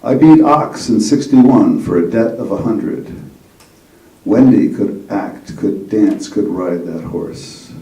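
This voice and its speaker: An older man with a low, dark voice reads a poem slowly and plainly, then introduces a guest as the host. He is heard from a distance in a roomy, echoing hall. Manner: slow, measured, plain delivery. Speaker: event host and poet. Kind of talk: poetry reading and introduction. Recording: roomy echo, mic far off.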